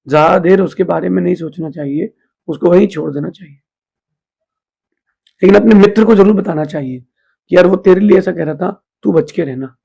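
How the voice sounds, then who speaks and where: A man's voice: high-pitched, creaky, a little mellow, breathy edge. A man giving a conversational sermon as a Jain monk, mixing in English phrases.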